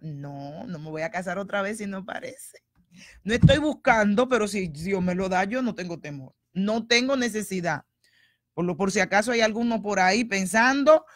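Animated woman preacher, dry sound. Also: mid-range voice, no room sound. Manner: animated, conversational, acts out quoted voices. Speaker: pastor. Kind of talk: teaching sermon.

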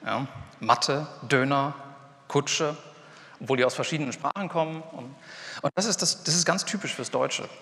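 A man's voice: on the high side, animated, fairly quick, a bit bright. A middle-aged man giving a university lecture in a casual, chatty way, with fillers and asides. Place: lecture hall. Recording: long reverb of a lecture hall.

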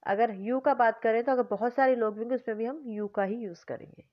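A woman teaching English grammar with an Indian accent, explaining slowly in English and then repeating quickly in Hindi with questions to the class. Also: fairly high pitch, fairly even intonation, dry recording. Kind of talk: bilingual classroom lesson, mixing Hindi and English. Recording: dull, dry lo-fi recording.

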